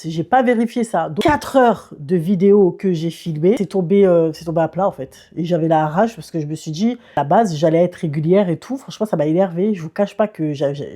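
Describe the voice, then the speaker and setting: A woman's voice: lowish voice, mellow. A woman chatting casually in a vlog, slangy and grumbling, her voice muffled and thick from swollen tonsils. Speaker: vlogger.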